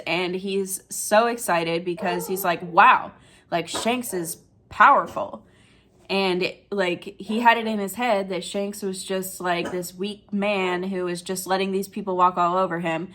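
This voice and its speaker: A young adult woman casually recapping and reacting to a manga chapter, chatty and emotional, quoting characters in her own voice with many fillers. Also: medium pitch.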